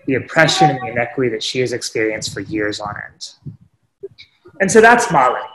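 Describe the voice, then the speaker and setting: A man telling a reflective story in a webinar talk, earnest and unhurried, with pauses and small restarts. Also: medium pitch, very animated, a bit bright, reverberant, slight background noise, rough recording. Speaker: webinar speaker sharing teaching stories. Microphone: webinar microphone.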